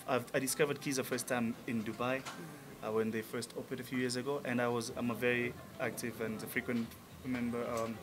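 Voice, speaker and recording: Brief: enthusiastic male musician in his thirties, mid-pitched voice, clear restaurant chatter behind. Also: noisy background. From Tanzania. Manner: upbeat, enthusiastic, many fillers. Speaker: musician guest. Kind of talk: casual interview. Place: restaurant lounge, indoors. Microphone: table mic on stand.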